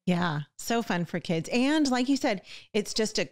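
A woman's voice: mid-range voice, expressive, measured pace. A woman in her forties hosting a podcast interview from a home office, chatty and friendly, close to a studio mic. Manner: friendly, chatty, agreeing often. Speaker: podcast host. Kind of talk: casual interview chat. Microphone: studio mic on arm, close.

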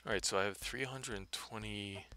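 A tired man giving casual, rambling gameplay commentary in a flat, monotone voice full of fillers. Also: on the low side, moderate pace, slight background noise. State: tired after a day's work.

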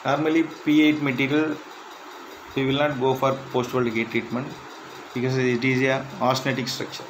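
Guy reading out q and a, steady kinda halting delivery, noisy recording. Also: mid-range voice. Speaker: instructor. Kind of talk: reading out quiz questions and answers.

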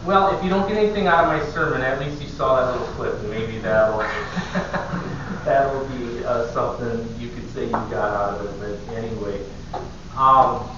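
A man's voice: medium pitch, normal speed, a bit bright. Man preaching in an echoey church. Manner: conversational, self-deprecating, many restarts. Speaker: pastor. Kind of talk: sermon. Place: church sanctuary. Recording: echoey, dull, distant, noisy room recording.

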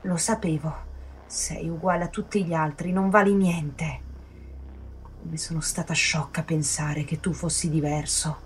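A woman voicing an unhinged young woman in a horror story, shrill and mocking, swinging from sweet to cruel. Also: steady tone, measured pace, a little hiss or hum. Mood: scornful.

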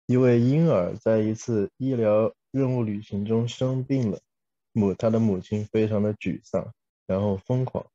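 A man with a deep, very mellow voice interprets live, relaying each sentence right after the speaker. He now and then catches himself and corrects a word. The sound is muffled and lo-fi, like audio from an online call. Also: normal speed, no room sound.

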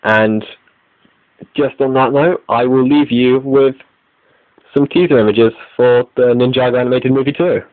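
A man hosts an online video update, reading announcements in a scripted way. His voice is medium in pitch and moderately paced, with no room sound. The audio is narrow and lo-fi, like a phone.

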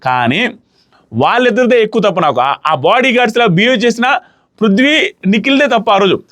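Fast high-voiced man giving commentary. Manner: animated, argumentative, acts out quotes. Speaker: reality show commentator. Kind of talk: casual opinion commentary.

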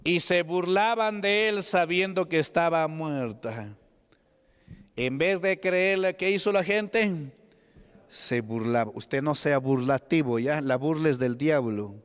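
A man's voice: a little high, slow, clean tone. A man with a Peruvian Spanish accent preaching an evangelical sermon, emphatic, calling out questions to the congregation. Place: church hall. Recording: long hall reverb.

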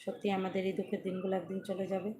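Soft-spoken woman live-streaming from a veranda. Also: medium pitch, level tone, very fast, background noise. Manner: soft-spoken, chatty, pleading for support. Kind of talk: casual live-stream chat with viewers. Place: veranda at night. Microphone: phone without external mic.

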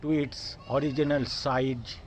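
This gardening vlogger, a man in his sixties with a Bengali accent, walks viewers through his rooftop garden in an unhurried, mid-range voice with fairly even intonation. He earnestly greets them as "dear friends," and there's slight background noise.

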